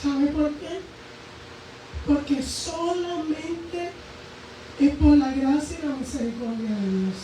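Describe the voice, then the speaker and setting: High-voiced woman preaching in echoey church. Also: slow pace, long pauses. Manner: fervent, emphatic preaching that swings between raised and hushed. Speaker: preacher giving a testimony. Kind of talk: sermon testimony. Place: church sanctuary. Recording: very echoey church hall, voice from far off, faint noise.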